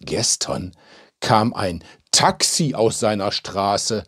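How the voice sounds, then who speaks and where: A man doing an excitable village postman. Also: on the low side, slow, slightly rough, full character voice. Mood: eager. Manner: excitable, blurting.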